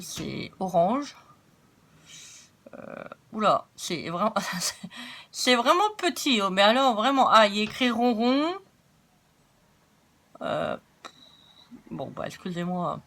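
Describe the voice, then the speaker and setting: This is a craft vlogger from France, a woman with a mid-range, slightly bright voice, chatting casually through a craft-supply haul. She laughs a lot, pokes fun at herself, and thinks out loud with many fillers.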